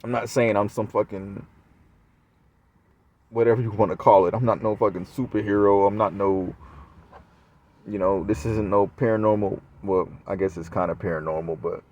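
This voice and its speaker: A man's voice: on the low side, steady tone, moderate pace, pauses often, a little mellow, muffled recording. A man talking straight to his viewers in a casual monologue, rambling and swearing often. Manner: profane, rambling. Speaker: vlogger.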